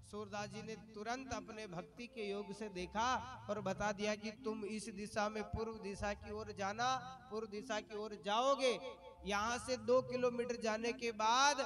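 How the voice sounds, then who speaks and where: A man's voice: high-pitched, flat delivery, a little slow, music in the background. A man preaching a devotional story sermon to a gathered audience, often putting questions to the listeners in a chatty storytelling way. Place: religious gathering before an audience.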